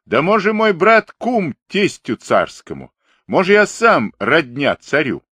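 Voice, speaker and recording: A man voicing a defiant Cossack centurion who shouts hoarsely and mockingly. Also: fairly high pitch, wildly swooping pitch, unhurried, no echo, pitched above the performer's own voice, heavily acted. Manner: mocking, scornful.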